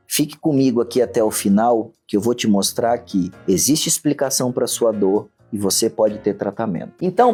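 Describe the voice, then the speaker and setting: A man with a Brazilian Portuguese accent and a warm, slightly rough mid-range voice hosts a podcast as a neurosurgeon. In the studio's casual interview chat he is earnest, often restarting hesitantly and adding "tá?" tags.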